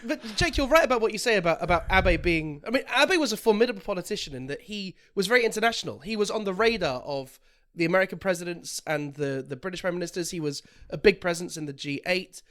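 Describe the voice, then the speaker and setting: High-voiced animated male co-host. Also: fast. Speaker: podcast co-host. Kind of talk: podcast conversation.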